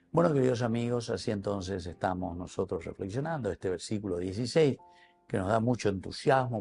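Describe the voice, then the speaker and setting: A man's voice: fairly low pitch, gravelly, a little mellow. A man with a Paraguayan Spanish accent, a priest giving a teacherly Bible reflection on television. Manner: explanatory, teacherly.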